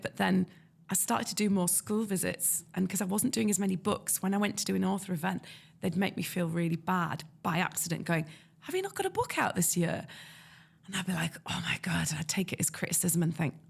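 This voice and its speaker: A woman's voice: lowish voice, a little fast, gravelly, breathy edge. A woman from North East England with a North East English accent, a guest illustrator telling stories in a casual interview and acting out the voices of people she quotes. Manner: lively, acts out quoted voices.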